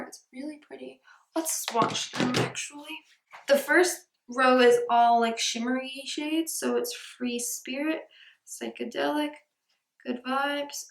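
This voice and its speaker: A woman chatting casually as a beauty vlogger unboxing products. She often drops to a soft near-whisper, and her voice echoes because she is recording in a room without a proper mic. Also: high-pitched, vocal fry.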